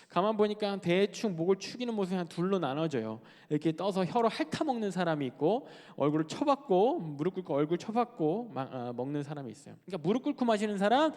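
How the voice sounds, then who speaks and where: A man preaching a sermon to a young adult congregation in a lively, conversational way, often acting out quoted speech. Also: high-pitched, in a large hall. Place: church sanctuary.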